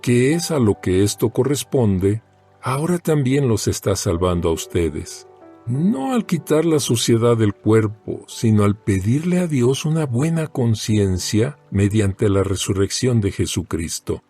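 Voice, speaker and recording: Over soft music, a man narrates a Bible audio recording with a slightly breathy edge. He is slow and solemn, giving each phrase its due, and his broadly shifting pitch makes the dramatized delivery feel animated.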